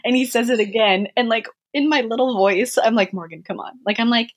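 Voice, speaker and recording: A woman telling a story in casual chat, animated and laughing often, with many fillers. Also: fairly high pitch, brisk.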